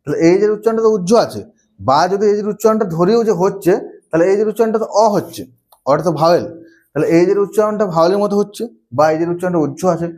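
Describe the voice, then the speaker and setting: Grammar teacher, male, high voice, drills rules with questions he answers himself. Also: animated, rapid-fire, a little mellow. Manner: asks the class questions and answers them himself, repeats key rules. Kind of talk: classroom-style lesson.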